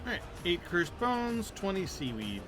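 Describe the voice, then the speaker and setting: A man's voice: high-pitched, big pitch swings, normal speed. Wry male game streamer, music behind. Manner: wry, chatty, muttering asides to himself. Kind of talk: casual gameplay commentary. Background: video game music.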